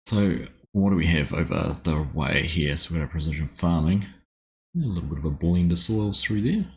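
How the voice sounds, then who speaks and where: A young New Zealand man livestreams a farming game, chatting casually in a low voice at normal speed. He reads chat aloud and laughs at himself.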